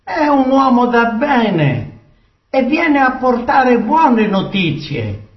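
A man voicing a grieving old king, a father, within a slow dramatic scripture reading. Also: extremely high pitch, sing-song, pitched above the performer's own voice, exaggerated voice. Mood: stately. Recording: distant echoey dull recording.

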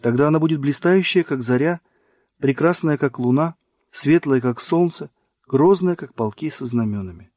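A man narrating a religious book in a measured, solemn reading. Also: a little high, darkish tone, dry recording, clean studio sound. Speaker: audiobook narrator.

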